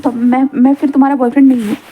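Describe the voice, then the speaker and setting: A woman voicing a calm young man who answers in short, firm sentences. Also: high-pitched, very fast, husky, dull audio.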